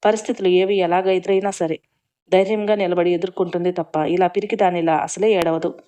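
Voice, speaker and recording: A kind uncle figure reassures gently, as a woman narrator puts him on. Low and mellow, read as an audio storybook part. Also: fairly even intonation, a little fast, lightly acted. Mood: comforting.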